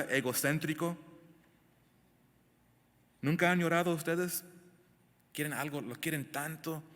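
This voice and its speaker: A man's voice: medium pitch, a bit bright. Man preaching in an echoey hall. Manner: emphatic, asks the congregation direct questions. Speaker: pastor. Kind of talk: sermon, verse-by-verse Bible teaching. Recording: echoey hall, long reverb.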